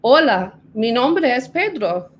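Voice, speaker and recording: A woman's voice: on the high side, very animated, unhurried, a little hiss or hum, poor audio. A woman voicing a shy twelve-year-old boy in a storybook reading, stammering a little.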